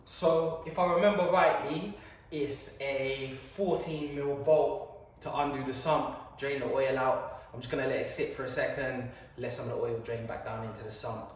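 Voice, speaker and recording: A man's voice: mid-range voice, steady tone, normal speed, a little hiss or hum. Echoey, distant man talking through car work. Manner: chatty, self-mocking, talking himself through the job. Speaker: home mechanic. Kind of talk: casual narration while working on a car. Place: garage or workshop. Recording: very echoey, distant from the mic, faint ambience.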